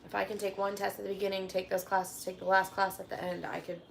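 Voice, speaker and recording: A woman co-hosts a casual livestream with her husband and teases him often. Her voice has a gravelly fry, and a faint hiss sits under the recording. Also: medium pitch, flat delivery, fast talker. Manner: teasing, laughs often. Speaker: co-host, wife.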